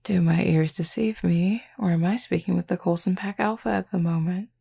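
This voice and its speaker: In wry, casual banter, a woman in full character voice portrays a flirty, self-assured werewolf for an intimate audio roleplay. The voice is lowish, warm, husky and gravelly, with fairly even intonation and a moderate pace, and her manner is teasing, drawling and playfully commanding.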